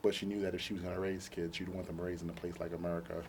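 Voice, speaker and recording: A man's voice: low-pitched, flat delivery, very fast, crowd noise. A young man giving an earnest interview as a political candidate, fluent but with many ums. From Brooklyn, New York. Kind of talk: TV interview answers. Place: TV studio.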